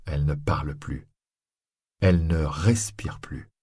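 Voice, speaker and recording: Man, deep voice, slow, lively delivery, husky, dry close sound. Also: dry recording. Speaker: storyteller. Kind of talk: scripted story narration.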